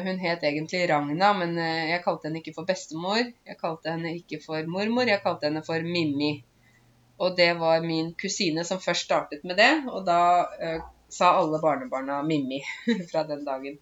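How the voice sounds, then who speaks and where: A woman giving a casual spoken language lesson, stopping to explain words slowly with many fillers. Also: on the low side, dull audio. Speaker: Norwegian language teacher.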